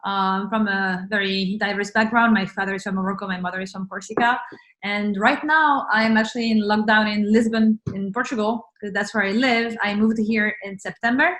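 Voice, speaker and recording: A woman from France, appearing as an interview guest on a video call, chats casually in a medium-pitched, steady, fairly bright voice at normal speed. She's talkative, sprinkling in lots of "like" and "uh" and laughing easily.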